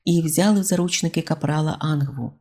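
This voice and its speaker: Audiobook narrator, mellow dark tone, even storytelling, mid pitch. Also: brisk.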